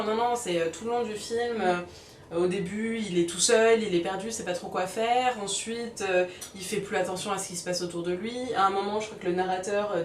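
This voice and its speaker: This is a woman's medium-pitched voice over slight background noise as she hosts a film review vlog. She explains and converses, mixing scripted narration with casual chat, and the recording has a roomy, distant-mic quality with faint music.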